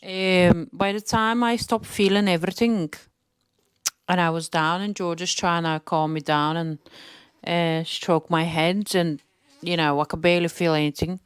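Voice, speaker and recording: A woman's voice: lowish voice, measured pace, clean tone, no echo. A young woman, a new mother, animatedly recounting her birth story in a casual vlog chat. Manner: animated retelling, acts out quoted lines.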